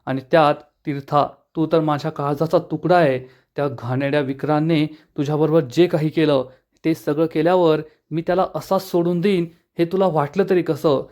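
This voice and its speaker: A stern, fiercely protective father and lawyer, voiced by a man narrating a serial recap. His male voice sits a little high and carries steady threat. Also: moderate pace, close to an everyday voice. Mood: stern tender.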